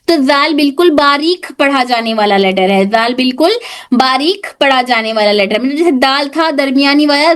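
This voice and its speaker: A woman teaching an online tajweed class in a high voice. She explains where each letter is formed and repeats the sounds slowly for her students. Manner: demonstrates letter sounds repeatedly, explains patiently with English loanwords.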